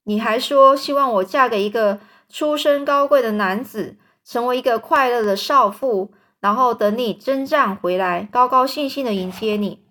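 A woman's voice: on the high side, normal speed, a bit bright, lightly acted. A woman voicing an innocent young daughter who pleads tearfully with her father in a storybook reading. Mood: pleading.

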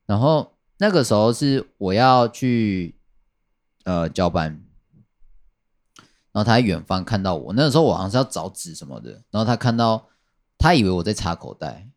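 A man's voice: on the low side, big pitch swings, normal speed. A man chatting casually on a podcast, rambling and repeating his phrases with many fillers. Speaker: podcast guest telling a work story.

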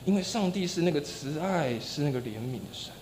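High-voiced male preacher in echoing church. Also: expressive, brisk, a little hiss or hum. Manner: storytelling with acted-out quotes, voice dropping soft and low at ends of phrases. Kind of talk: sermon. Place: church sanctuary. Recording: long church reverb.

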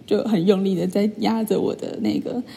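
A young woman chats through a story for her vlog, full of fillers and animated asides. Her voice is mellow and husky with a gravelly edge of fry. A long reverb trails after her words. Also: medium pitch, normal speed. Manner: chatty, animated retelling with many fillers. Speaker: vlogger. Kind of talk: casual storytelling monologue.

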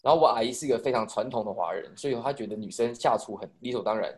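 A young man with a Taiwanese Mandarin accent tells a long, rambling story to friends on a podcast. He talks fast at a middle pitch. He restarts his sentences and swears casually as he goes. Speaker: podcast co-host telling a story. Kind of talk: casual chat.

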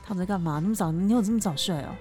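A woman, co-hosting a casual chat show and telling a story with animated, teasing delivery. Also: on the low side, rapid-fire, faint music behind. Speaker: podcast co-host.

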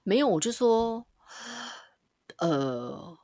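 A woman's voice: medium pitch, sing-song, drawn-out words, dark tone, dry recording, clean studio sound. A woman casually telling a personal story on a podcast. She swears now and then and acts out her own lines as quoted dialogue. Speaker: podcast co-host.

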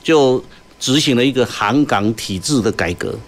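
A man with a Taiwanese Mandarin accent explains as an interview guest, in halting short phrases dotted with sentence particles. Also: medium pitch, lively intonation. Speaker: guest, port company executive.

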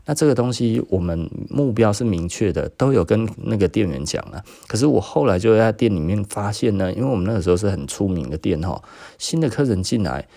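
Host: Taiwanese Mandarin man in his 40s, low and warm voice, dry close sound, chatty storyteller who laughs a lot. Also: animated, brisk, vocal fry, no room sound. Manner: chatty, laughs often, acts out quotes. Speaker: podcast host and business owner. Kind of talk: casual storytelling monologue.

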